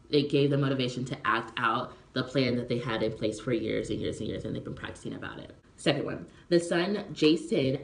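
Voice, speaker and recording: A movie reviewer casually explaining a plot, rambling with lots of fillers and checking whether the listener is following. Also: mid-range voice. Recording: roomy echo.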